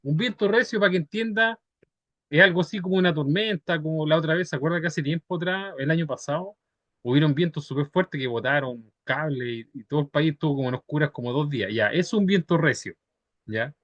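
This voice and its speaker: A man's voice: fairly high pitch, a little fast, a bit bright, no room sound, highs cut off. A man teaching a Bible study in a patient, conversational way, often checking in with his listeners. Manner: ends phrases with checking tags, patient and conversational.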